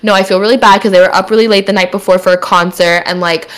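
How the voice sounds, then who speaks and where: A woman's voice: medium pitch, fast talker. A young woman telling a long story in a casual chat, laughing often and acting out what people said. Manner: animated, laughs often, acts out quotes.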